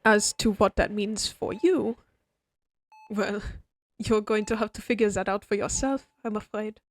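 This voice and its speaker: Here the same roleplay doctor turns grave and reassuring: a woman voicing a centuries-old aristocratic vampire healer who is refined yet strangely friendly. Speaking straight to the listener in a scripted comfort piece, she uses a natural, medium-pitched voice. Her explanations keep a formal, measured, polite bedside manner.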